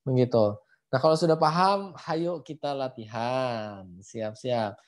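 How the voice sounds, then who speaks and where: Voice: mid-range voice, takes it slowly. Casual online lesson, patient repetition, syllables sounded out, video-call audio. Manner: repetitive, demonstrates sounds aloud, frequent "ya" and "gitu". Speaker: Quran recitation teacher.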